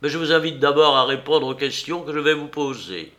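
Guy doing a harsh interrogating cop, a bit higher and louder, bright edge. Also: lively intonation, unhurried. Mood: stern. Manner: severe, sharp questioning. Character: stern, probing male police commissioner.

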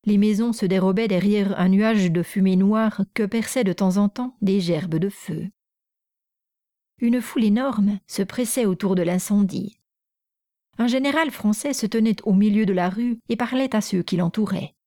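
A woman reading a classic novel aloud in a measured, even storytelling voice. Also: mid-range voice, no echo, studio quality. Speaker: narrator.

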